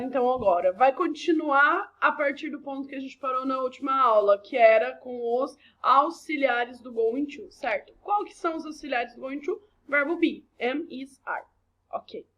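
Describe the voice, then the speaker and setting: High-voiced Brazilian teacher, lo-fi recording. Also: female voice, normal speed, a bit bright. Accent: Brazilian Portuguese. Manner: chatty, thinks aloud, addresses students as a group. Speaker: English teacher. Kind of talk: online class explanation. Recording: dull lo-fi home recording.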